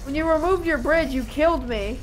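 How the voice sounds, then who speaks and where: A woman's voice: sits high, brisk, poor audio. A woman chatting casually and playfully as she plays a co-op game, given to silly exclamations. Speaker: co-op game player. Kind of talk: casual gameplay chat. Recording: game music behind the voice.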